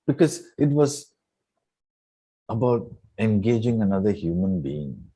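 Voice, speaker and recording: A man in his sixties from Singapore, a retired coach reflecting in an interview with many soft fillers. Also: on the low side, lively intonation, a little slow, slightly rough. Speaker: guest coach. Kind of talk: relaxed interview conversation.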